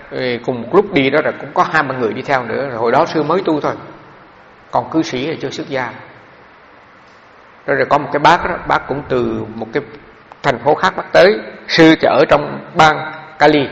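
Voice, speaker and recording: A man's voice: medium pitch, creaky, a bit bright, a little hiss or hum. A middle-aged man, a Buddhist monk, giving a dharma talk in a loose storytelling way full of fillers. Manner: conversational storytelling with frequent fillers. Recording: echoey hall, dull lo-fi sound.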